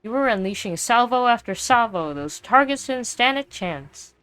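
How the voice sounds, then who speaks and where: A woman's voice: on the high side, expressive, normal speed, fairly bright tone, clean tone. Woman doing a chirpy little fairy companion. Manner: eager, curious and chatty. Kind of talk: reading game dialogue aloud.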